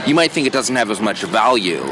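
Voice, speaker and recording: A man hosting a podcast in casual conversation, talking in a relaxed way and retelling stories with quoted voices. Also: lowish voice, a little fast, noisy background. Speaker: podcast host.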